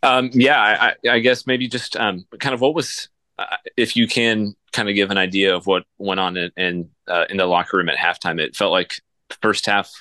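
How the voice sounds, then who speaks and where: Deep, bright-toned reporter. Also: male voice, steady tone, moderate pace, no echo. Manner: casual, filler-heavy questions. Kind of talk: press conference question.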